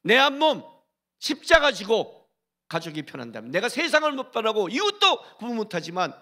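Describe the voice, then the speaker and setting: A middle-aged male senior pastor preaching a sermon, urging his congregation with rhetorical questions and swinging between loud exhortation and hushed asides. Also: high voice, huge pitch swings, moderate pace. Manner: briefly sings a hymn line during the sermon.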